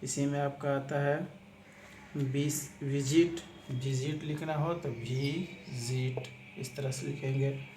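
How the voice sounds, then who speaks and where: A man teaches shorthand in a flat, even voice, going step by step and repeating each word as he writes it. The room is echoey, with a clear hiss of noise behind him. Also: medium pitch, slow pace. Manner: repetitive, step-by-step explaining, keeps saying "aapka"; spells out words letter by letter. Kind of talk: spoken lesson walking through examples.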